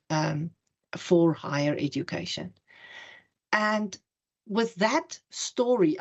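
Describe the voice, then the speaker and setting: Middle-aged woman speaker, low-set voice, deliberate storyteller at a conference, dull lo-fi room recording. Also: a little mellow. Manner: storytelling, slows down to stress key words. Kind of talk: academic conference talk.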